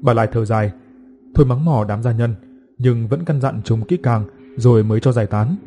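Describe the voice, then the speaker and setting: A man reading a folk horror story aloud in a measured, dramatic storytelling manner. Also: mid-range voice, mellow, a little hiss or hum. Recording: faint music underneath.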